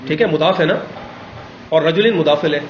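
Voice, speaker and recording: A man's voice: fairly high pitch, echoey room, a little hiss or hum, rough recording. A male teacher leading an Arabic grammar class, patiently correcting and quizzing his students.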